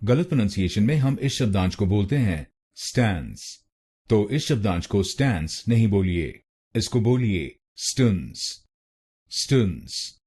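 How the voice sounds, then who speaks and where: A man gives a scripted pronunciation lesson at an unhurried pace, repeating each syllable with care. His voice sits a little low and carries a husky edge, and his pitch moves in lively swings. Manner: slow, deliberate, repeating words syllable by syllable. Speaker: pronunciation teacher. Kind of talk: scripted instructional narration.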